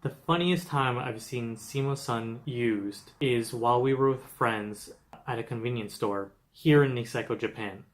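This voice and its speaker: Steady young man narrating travel tips. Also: mid-range voice, unhurried. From Canada. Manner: steady, explanatory storytelling with light humor. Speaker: travel vlogger.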